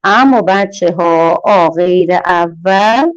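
A woman giving an online teacher-training lecture, drawing words out slowly in a sing-song teaching manner. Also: fairly low pitch, highs cut off. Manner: slow, sing-song, drawn-out teaching delivery.

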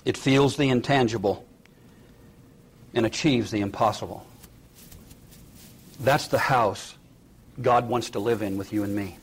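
A man preaching a sermon, retelling a story with sudden rises in pitch and drops to a near hush. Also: measured pace, pauses often, husky. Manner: dramatic retelling with acted quotes, rising and dropping to a hush.

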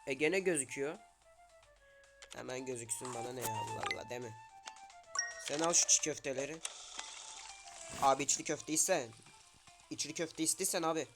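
A man playing a shop game and commenting casually, talking to the customers on screen and sometimes shouting in mock outrage. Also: medium pitch, normal speed, long pauses, music in the background. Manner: talks to game characters, loud sudden outbursts. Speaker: gaming streamer.

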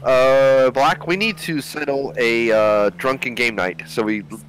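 Bright-voiced chatty gamer friend. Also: male voice, medium pitch, a little slow, slight background noise, low-quality recording. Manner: chatty, suggesting ideas. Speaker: friend co-playing on stream. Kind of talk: casual gaming chat.

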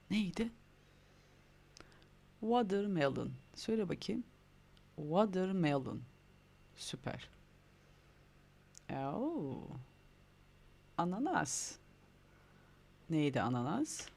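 A man with a gravelly, fry-edged voice leads young children through new English words. He speaks with a Turkish accent, pitched a little high, and keeps cheering them on to say each word back to him. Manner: encouraging, prompting children to repeat words. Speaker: primary school English teacher. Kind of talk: online lesson for young children.

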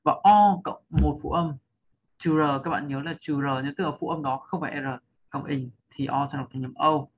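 A man explaining pronunciation rules in a patient, step-by-step lesson, often pausing to check that his learners follow. His voice sits a little high, and he stretches out example sounds so they can be copied. The recording is slightly dull, with a faint hiss under it. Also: fairly even intonation. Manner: draws out and lifts model sounds for learners. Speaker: English pronunciation teacher. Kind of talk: spoken lesson explaining over slides.

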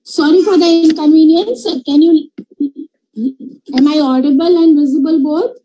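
A middle-aged woman with a North Indian accent lectures over a video call. Her voice sits very high, yet has a soft, dark tone rather than a sharp one. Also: moderate pace, rough recording. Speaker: gynecologist giving a webinar lecture. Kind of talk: slide lecture. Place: indoor room, video call.

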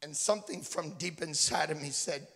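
Gravelly, bright-voiced preacher in a church hall. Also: male voice, a little high, moderate pace. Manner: folksy, joking storyteller with asides to the congregation. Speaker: missionary preacher. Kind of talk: humorous storytelling sermon. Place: church sanctuary.

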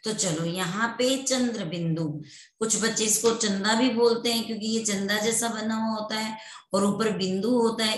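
Woman, primary school teacher, unhurried, patient repetition, mid pitch, roomy echo. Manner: slow and patient, repeating words for children to echo. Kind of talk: online class lesson for young children.

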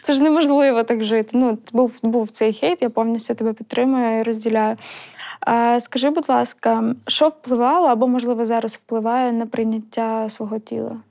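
Woman host w a slightly high voice, chatty friendly questions. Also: flat delivery, moderate pace, vocal fry, warm tone. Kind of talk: casual chat.

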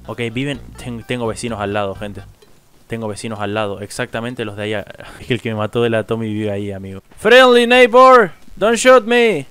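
A man's voice: lowish voice, steady tone, fast, clean tone, faint music behind. A young man with an Argentine accent giving casual, slangy live commentary on his online gameplay, talking to his chat. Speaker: streamer.

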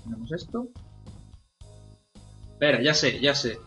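A man doing let's-play commentary at home, excitable, swearing and shouting at enemies. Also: medium pitch, measured pace, faint music behind. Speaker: gamer.

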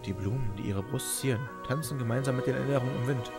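A man with a middle-pitched voice reads a game's story text aloud. He delivers it as dramatic storytelling narration, with music clearly playing behind him. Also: fast talker. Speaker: gamer reading game story aloud.

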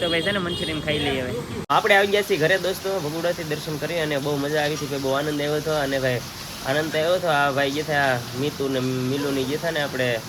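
A low-pitched woman chats through a homemade family vlog from Gujarat. She narrates loosely and coaxes a child to speak. A faint noise sits under the recording. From Gujarat, India. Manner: chatty, coaxing a child to talk. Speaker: vlogger.

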